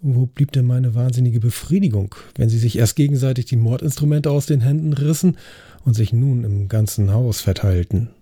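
Husky dark-voiced male storyteller. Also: mid-range voice, moderate pace. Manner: expressive first-person reading. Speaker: audiobook narrator. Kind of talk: scripted story narration.

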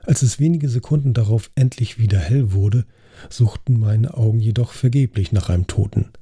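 A man narrating a story in the first person with an expressive, scripted delivery. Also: mid-range voice, normal speed, slightly rough. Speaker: audiobook narrator.

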